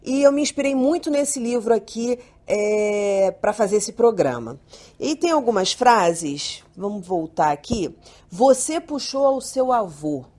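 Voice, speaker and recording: A Brazilian woman hosts a studio talk show and leads the talk with her guests. Her voice moves in a lively way, rising and falling across a mid range. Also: medium pitch, measured pace. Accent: Brazilian Portuguese. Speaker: host.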